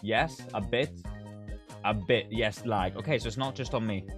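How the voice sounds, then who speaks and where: A man's voice: lowish voice, normal speed, over music. A young man streaming live to his chat over a headset mic. He talks casually, swears freely and speaks straight to his viewers.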